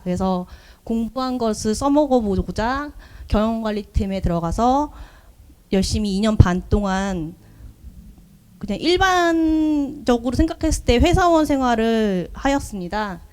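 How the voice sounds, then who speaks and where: Earnest soft-spoken woman presenting. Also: a little high. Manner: earnest, soft-spoken, personal storytelling with frequent fillers. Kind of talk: business showcase presentation. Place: event hall.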